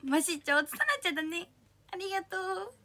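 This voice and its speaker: Very high, bright bubbly young woman. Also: slight background noise. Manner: bubbly, cutesy, quick to laugh and thank. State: slightly husky from a strained throat. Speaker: idol livestream host. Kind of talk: casual livestream chat reading comments.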